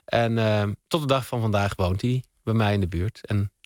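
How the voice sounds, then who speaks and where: A man's voice: fairly low pitch, normal speed, no echo. Guy chatting on late night radio, laid back, lots of ehs, dry studio mic sound. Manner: relaxed, meandering with many fillers. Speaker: guest, spoken word artist. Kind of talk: casual radio interview storytelling. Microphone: studio microphone.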